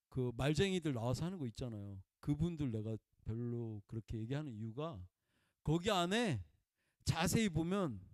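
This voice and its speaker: A man preaching a conversational sermon in a folksy way, prompting listeners with "eh?" and swinging between loud emphatic bursts and quiet murmurs. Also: on the high side, no echo, studio quality. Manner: folksy, peppers talk with prompting "eh?" to the congregation.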